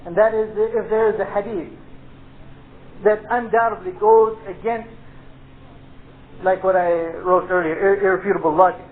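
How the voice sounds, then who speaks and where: A man's voice: high-pitched, fairly even intonation. A man teaching an informal Islamic studies class, explaining step by step and dropping in Arabic terms. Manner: explanatory, pausing for checks like "okay", peppered with Arabic terms. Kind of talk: informal lecture with question and answer. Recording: tinny phone-like lecture tape, faint noise.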